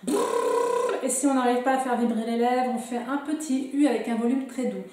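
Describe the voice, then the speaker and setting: A woman teaching a drama class, calmly leading breathing and voice warm-up exercises and encouraging the listener. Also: fairly high pitch, brisk, a little hiss or hum. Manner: calm, gently encouraging, leading exercises aloud. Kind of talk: guided warm-up lesson. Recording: very echoey room with music behind.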